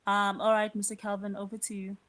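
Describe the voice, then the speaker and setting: A woman's voice: medium pitch, completely flat delivery, brisk, a bit bright. A woman hosting a live audio discussion, friendly and chatty with many fillers. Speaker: host.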